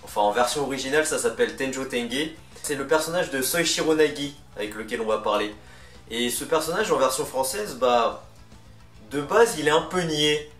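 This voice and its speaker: Male countdown host, informal and opinionated, medium pitch, roomy sound over music. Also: normal speed, a bit bright. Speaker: video host presenting a ranking. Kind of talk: casual countdown commentary. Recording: roomy, distant mic, music underneath.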